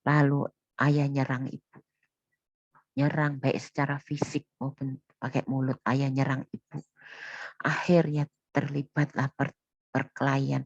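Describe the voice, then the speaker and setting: A woman's voice: very deep voice, creaky, breathy edge, no echo. A woman speaking as a mother who recounts a family quarrel to her child, scolding and lamenting with a lot of repetition. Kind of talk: emotional spoken recollection addressed to her child. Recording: dull, dry, lo-fi recording.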